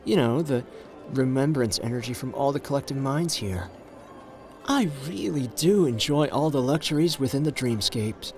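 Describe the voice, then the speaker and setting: A man's voice: mid-range voice, animated, a little mellow, lightly acted. Man acting Aventurine, suave flirtatious gambler over music. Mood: smooth, relaxed. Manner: teasing, intimate, drawn-out phrasing with pet names. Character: suave, flirtatious male gambler, confident and calculating. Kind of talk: ASMR roleplay audio drama.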